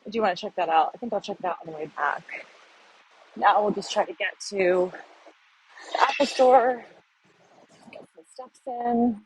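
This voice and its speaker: Strolling through the city while vlogging, a middle-aged woman from the US rambles and muses aloud, often leaving long pauses. Her husky, medium-pitched voice moves at a moderate pace, captured in low quality with faint street sounds behind.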